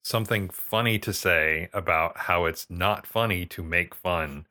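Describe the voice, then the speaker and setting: Deep-voiced man co-hosting a podcast. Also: measured pace, pushed and bright. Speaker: podcast co-host. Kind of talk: casual chat reviewing a TV episode.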